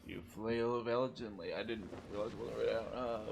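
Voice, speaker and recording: Dry, low-key man gaming with a friend. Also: steady tone, normal speed, vocal fry. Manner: dry, low-key, curt remarks, swears. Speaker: co-player. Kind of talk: casual live gameplay chat. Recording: noisy stream audio.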